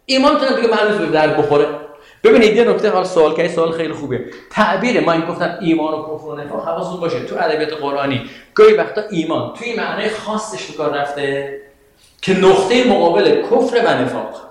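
High-voiced man teaching in an echoing room. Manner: animated, questioning the audience, recites Arabic verses slowly. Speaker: religious teacher. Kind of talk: lecture on Quranic verses. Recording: very echoey room.

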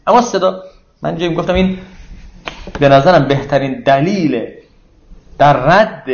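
A man giving an informal religious lecture, explaining verses conversationally and asking the audience rhetorical questions. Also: on the high side. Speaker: religious teacher. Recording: echoey, dull lo-fi room recording.

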